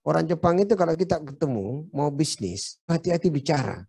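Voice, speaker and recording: A man's voice: on the high side, animated, a little fast, vocal fry, mellow, slightly rough. A man giving a seminar lecture in a hotel meeting room. He talks in a chatty, joking way and keeps turning to the audience with "Pak". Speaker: seminar speaker.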